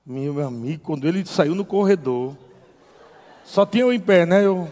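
A man telling a lively testimony as a preacher, acting out voices and laughing often. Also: fairly high pitch, normal speed. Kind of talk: testimony sermon storytelling. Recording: long hall reverb.

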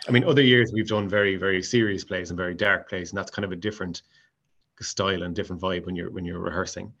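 Man, west of Ireland accent, lowish voice, quick casual interview chat, slightly dull lo-fi recording. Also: steady tone, creaky, a bit bright. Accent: west of Ireland (Mayo). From County Mayo, west of Ireland. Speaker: amateur drama society actor, interview guest.

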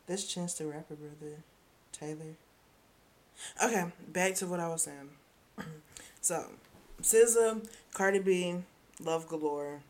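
A woman hosting a podcast in casual gossip chat, excitable and rambling, swinging from loud bursts to hushed asides. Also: fairly low pitch. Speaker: podcast host.

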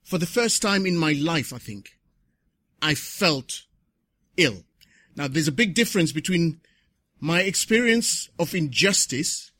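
A man speaking at a conference, short of breath, earnest and reflective, pausing to correct himself. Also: on the high side, a bit bright, no echo. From Zimbabwe. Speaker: conference speaker, patient advocate. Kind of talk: conference speech. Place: conference hall.

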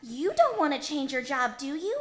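A woman's voice: high voice, sing-song, moderate pace. A woman playing a whiny, flustered young boy. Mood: exasperated. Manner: whiny, exasperated.

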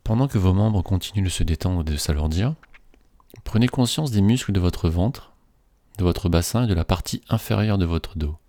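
A man slowly reading a guided relaxation script in a soothing, measured way. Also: low-pitched, animated, dark tone, no echo.

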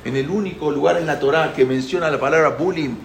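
Animated high-voiced man teaching scripture. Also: fast, creaky. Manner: animated, dramatic storytelling. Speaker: religious teacher. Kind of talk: storytelling Torah lesson. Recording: echoey room, faint background noise.

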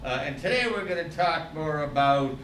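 Male co-host, chatty and jokey, slightly high voice, roomy sound from off-mic. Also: animated, normal speed, fairly bright tone, recorded from a distance, a little hiss or hum. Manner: chatty, jokey, many fillers. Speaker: podcast co-host. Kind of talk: casual chat.

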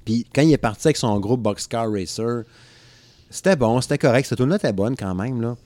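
A man's voice: medium pitch, a little fast, darkish tone, dry recording. A man in his thirties with a Quebec French accent, rambling casually about music on a podcast and laughing often. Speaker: podcast co-host.

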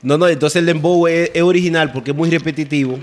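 A man's voice: on the high side, fairly even intonation, quick pace. A man, a guest artist, explaining at length with emphasis in a casual podcast chat.

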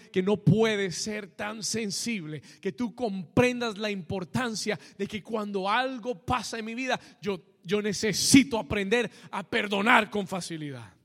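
A man's voice: high voice, fairly bright tone. A man preaching a sermon in a church hall, calling out to the congregation and slipping English phrases into his talk. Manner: preaching with rising intensity, calls to congregation; mixes Spanish with English phrases. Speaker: pastor. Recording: long reverb of a church hall.

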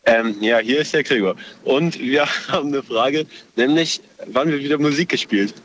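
A man's voice: mid-range voice, moderate pace, fairly bright tone, slight background noise. A man calling in to a live radio show, heard over a phone line, asking offhand questions in a casual, slightly sheepish way. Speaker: caller. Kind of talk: casual call-in chat.

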